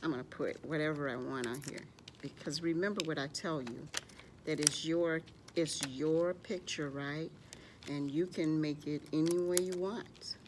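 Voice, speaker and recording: Her deep voice a little slow, a woman addresses young children during a library storytime, reading stories and presenting crafts while frequently referring to herself in the third person. There is background noise.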